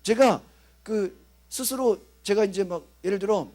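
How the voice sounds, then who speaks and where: A man, a pastor, preaching at a youth rally in a lively, conversational way, acting out inner voices and checking in with listeners. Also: sits high, a little slow. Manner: animated, acts out inner voices and asks the audience "어?".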